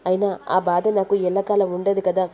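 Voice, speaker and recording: A woman voicing a gentle, devoted middle-aged wife who reassures her husband softly. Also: mid-range voice, little pitch movement, brisk, phone-quality sound, close to an everyday voice. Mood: tender.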